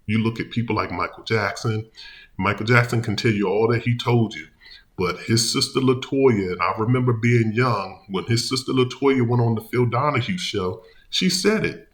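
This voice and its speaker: A man's voice: mid-range voice, moderate pace. A man hosting his own video channel, giving casual commentary in a rambling, emphatic way with many restarts. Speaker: vlog host.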